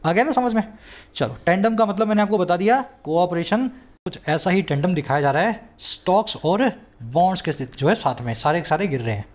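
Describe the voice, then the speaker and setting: Brief: Indian male teacher, high voice, patient word-by-word explanations, slow deliberate reading of English lines. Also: lively intonation. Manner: explains terms step by step, often checking "ठीक है"; reads English quotes slowly. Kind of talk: explaining a news article word by word.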